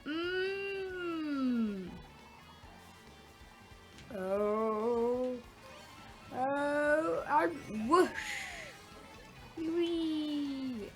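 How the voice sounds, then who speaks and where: A woman's voice: sits high, lively intonation, extremely slow, pauses often. A woman hosting a gaming video, giving playful kart racing commentary full of exclamations, oohs and little vocal sound effects. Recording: game music under the voice. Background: video game music.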